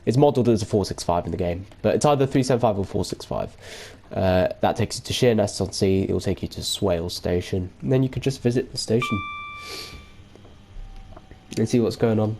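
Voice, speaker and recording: A man with a hoarse voice from a cold, chatting casually while commentating his train game. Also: on the low side, a little fast. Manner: relaxed, chatty, thinking aloud with fillers. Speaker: gameplay commentator. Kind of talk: casual let's-play commentary.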